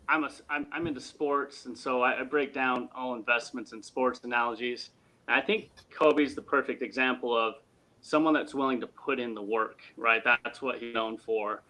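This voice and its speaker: A man talking as a guest in a casual interview, earnest and animated, with sports analogies. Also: mid-range voice, moderate pace.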